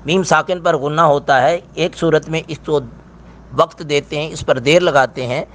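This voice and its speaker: A middle-aged male teacher giving a recitation lesson in a fairly high voice. He explains each pronunciation rule in a plain, steady way, then chants the verse slowly and draws out the sounds. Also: a little hiss or hum.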